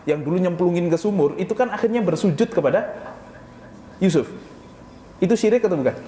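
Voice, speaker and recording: A man's voice: a little high, a little mellow, reverberant, a little hiss or hum. A man with a Jakarta Indonesian accent giving an Islamic study talk to a small congregation, often asking them questions and answering them himself in casual speech. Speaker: Islamic preacher. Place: office prayer room.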